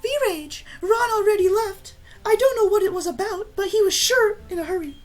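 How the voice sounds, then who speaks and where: A woman's voice: extremely high pitch, moderate pace, soft background music, pitched above the performer's own voice. A woman voicing a caring mother in a video game, speaking in a sweet, sing-song way. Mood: doting. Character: fussy caring mom, middle-aged woman.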